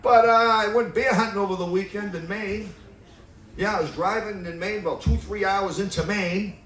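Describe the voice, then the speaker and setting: A middle-aged man performing a stand-up comedy set on a club stage, delivering deadpan one-liners and chuckling at his own jokes. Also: high voice, normal speed. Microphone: stand mic away from mouth. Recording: roomy club sound from a distance.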